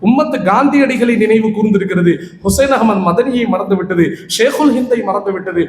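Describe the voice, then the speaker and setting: A man preaching a fervent sermon as an imam, his voice sitting high for a man. He shifts between ringing exclamations and quiet, hushed storytelling. The recording sounds roomy with a long reverb tail and a faint hiss underneath. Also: fairly quick. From Tamil Nadu, India. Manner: impassioned, swinging between ringing exclamations and low hushed retellings. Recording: echoey hall with long reverb, faint noise.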